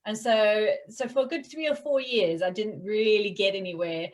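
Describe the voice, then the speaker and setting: A woman's voice: mid-range voice, normal speed. A woman guest in a casual interview, talking about her business in a chatty, self-mocking way. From England. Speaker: guest, graphic designer.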